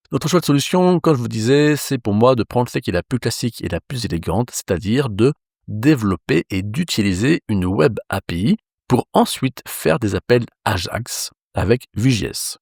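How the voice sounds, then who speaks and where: A man from France teaching a coding lesson in a relaxed, reassuring way with casual fillers. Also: on the low side, no room sound, clean studio sound. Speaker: programming instructor.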